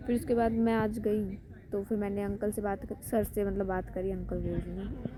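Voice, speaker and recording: A woman's voice: medium pitch, flat delivery, normal speed, noisy background. A young woman in her twenties vlogging in a rambling, conversational way. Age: 20s. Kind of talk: casual chatty vlog.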